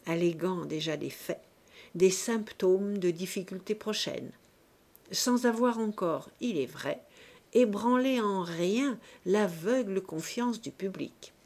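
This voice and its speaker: A woman reading a classic novel aloud with a measured, expressive narration. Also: mid-range voice. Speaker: audiobook narrator. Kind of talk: scripted literary narration.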